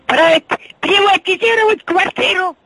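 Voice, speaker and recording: A woman's voice: extremely high pitch, a little slow, heavy background noise. An older woman on the phone who cannot hear well, repeating herself in confusion.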